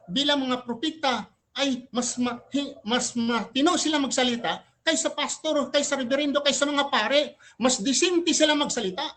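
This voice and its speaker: A man's voice: very high-pitched, fairly bright tone. A man arguing his side in a religious debate. He speaks emphatically, switches between two languages and keeps throwing in rhetorical questions. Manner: switches between Tagalog and English mid-sentence. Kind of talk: live religious debate argument.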